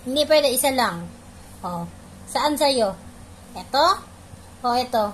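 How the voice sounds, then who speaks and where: Woman, playful pet talk, unhurried, coaxing commands, faint noise behind. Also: high voice, expressive. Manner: coaxing, repeats short commands. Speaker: pet owner.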